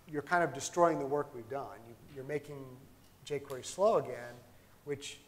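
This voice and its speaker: A middle-aged man giving a conversational keynote on a conference stage and taking audience questions, with frequent ums and restarts. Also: a little high. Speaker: keynote speaker. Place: large conference hall stage. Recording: long hall reverb, faint noise.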